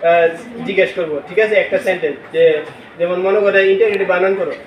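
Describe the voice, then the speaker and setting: High-voiced male teacher in an echoey classroom. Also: fairly even intonation, very fast, recorded from a distance, slight background noise. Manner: asks questions and has the class echo answers, spells words letter by letter. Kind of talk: classroom lecture with call-and-response.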